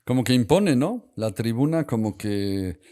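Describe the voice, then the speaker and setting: A man's voice: medium pitch, big pitch swings, measured pace, dark tone. Male host, conversational moderator, mid-range voice. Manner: moderating, poses questions to guests. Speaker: podcast host. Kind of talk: conversational discussion.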